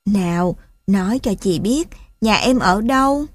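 Kind big-sister rabbit, gentle and a bit deeper; female narrator doing it. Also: animated, measured pace, husky, no echo, clean studio sound. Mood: soothing. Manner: gentle, soothing.

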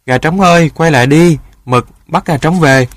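A man's voice: mid-range voice, moderate pace, no echo, clean studio sound, natural voice. A man voicing a whiny little child in a storybook tale who begs and complains. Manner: whiny, insistent.

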